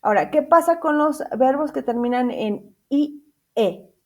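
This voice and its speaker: A woman teacher leads a bilingual English grammar class, talking at an unhurried pace in a somewhat high voice. She spells out endings letter by letter and repeats every example. She keeps checking in with her students through questions. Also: lively intonation.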